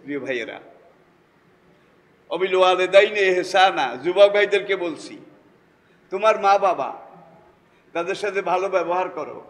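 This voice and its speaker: A Bangladeshi man delivers a Friday sermon in a Bengali accent, his voice sitting high for a man. He keeps turning to the congregation with rhetorical questions. A long reverb trails each phrase through the hall. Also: lively intonation, moderate pace, pauses often. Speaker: preacher.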